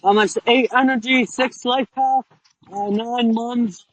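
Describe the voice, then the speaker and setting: A man's voice: extremely high pitch, steady tone, takes it slowly, slight background noise, rough recording. A man in casual online banter with a pleading manner, often addressing others as bro. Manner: pleading, repeatedly says bro.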